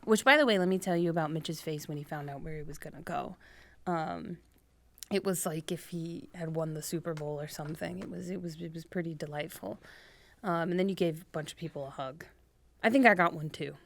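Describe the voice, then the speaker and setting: A woman's voice: low voice, a little fast, creaky, dry recording. A young adult woman co-hosting a podcast in casual chat, talkative and laughing easily, with plenty of fillers. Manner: chatty and laughing, with many fillers. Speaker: podcast co-host.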